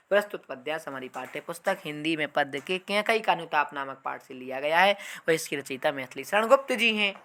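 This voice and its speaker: A woman giving an exam-prep lesson on a poem. She recites lines slowly and loudly, then explains them in a softer voice, calling her students dear children. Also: low voice, slight background noise. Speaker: teacher.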